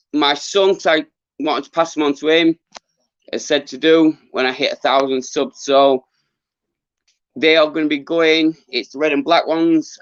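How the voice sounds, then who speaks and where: A middle-aged man who is losing his voice, chatting casually to viewers on a livestream in an earnest, halting, rambling way. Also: on the high side, clear, resonant tone, dry recording. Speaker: livestream host, former boxer. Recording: dull lo-fi livestream audio.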